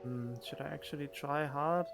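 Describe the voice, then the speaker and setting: Here a man with a somewhat high, creaky voice moves at a moderate pace as he streams a game. He thinks aloud and talks back to what's on screen, recorded on a close studio condenser microphone over game music.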